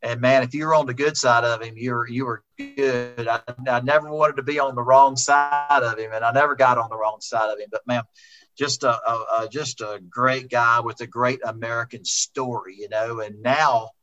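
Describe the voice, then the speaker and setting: A man's voice: mid-range voice, steady tone, moderate pace, a bit bright, faint music behind. A middle-aged man, a racing driver, rambling and repeating himself as he remembers a friend in a heartfelt conversation. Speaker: racing driver, interview guest. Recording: dull lo-fi sound.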